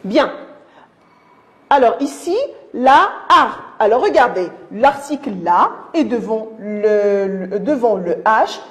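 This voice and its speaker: A fairly high, animated female voice belongs to a primary school teacher explaining a lesson to young pupils on a recording. She talks to them fondly, slowly and patiently, repeating things and starting words over.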